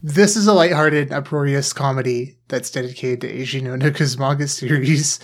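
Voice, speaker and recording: A man's voice: mid-range voice, normal speed. A man hosting a podcast in casual chat, dry and teasing, rambling with plenty of fillers. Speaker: podcast host.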